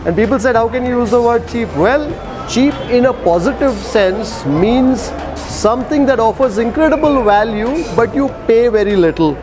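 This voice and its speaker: A man with a South Indian Kannada accent presenting a food vlog as host, with deliberate, emphatic phrasing. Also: extremely high pitch, over music, a crowd in the background.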